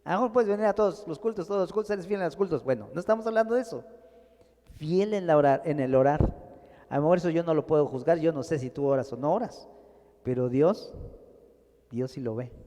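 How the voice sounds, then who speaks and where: A man's voice: on the high side, expressive, brisk, dark tone, long reverb tail. A man preaching a sermon in a church, speaking to the congregation as brothers with rising and falling emphasis. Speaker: pastor.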